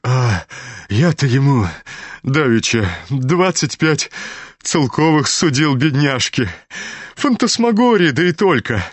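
A man's voice: mid-range voice, very animated, takes it slowly, no room sound, pitched above the performer's own voice. A male reader voicing an elderly general who exclaims in overexcited astonishment in an audiobook. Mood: astonished, exuberant.

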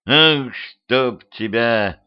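A man voicing a gruff, practical cemetery watchman who talks bluntly and impatiently, on a dull lo-fi home recording. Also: mid-range voice, very animated, unhurried. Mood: urgent.

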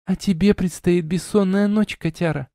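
A man voicing a playful young she-wolf woman in an audiobook, teasing and pouting in a raised, softer voice. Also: fairly even intonation, moderate pace, no echo, studio quality. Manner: teasing, pouting, higher and softer than the narrator.

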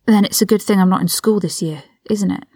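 A woman's voice: mid-range voice, brisk, a little mellow, no room sound, studio quality, lightly acted. A woman doing a defiant young Ron Weasley. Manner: blunt, bristling. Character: defiant young male prisoner, hot-tempered.

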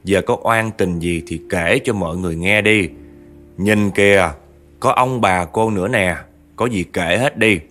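A man's voice: deep voice, a little slow, fairly bright tone, soft background music. A man voicing a weary village shaman, speaking in a solemn, matter-of-fact way. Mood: grave. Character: grave male village shaman, weary and resigned.

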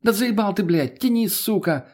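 A man's voice: a little high, expressive, fairly quick, darkish tone, husky, pitched above the performer's own voice. A man reading an audiobook, voicing a crude, brash young woman who swears and snaps. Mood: snapping. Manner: swearing, snapping.

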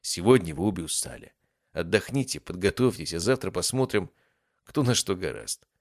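A man's voice: low-pitched, animated, no echo, clean studio sound. A man voicing a firm, weary male mentor. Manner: firm, measured. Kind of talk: audiobook character voice.

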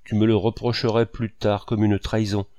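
A man voicing a troubled male writer who speaks gravely and hesitantly. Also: lowish voice, level tone, moderate pace, mellow, no room sound, clean studio sound, lightly acted.

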